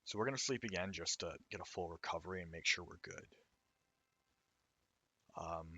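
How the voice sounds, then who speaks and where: Hoarse man, deep voice, bright edge, rambling game commentary. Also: normal speed, a little hiss or hum. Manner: rambling, explanatory, casual. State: hoarse, raw throat. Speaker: indie game developer. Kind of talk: let's-play commentary.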